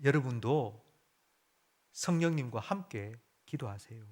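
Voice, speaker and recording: Animated Korean pastor preaching. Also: male voice, unhurried. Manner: swings from loud urgent appeals to quiet low murmurs; addresses the congregation directly with questions. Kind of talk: sermon.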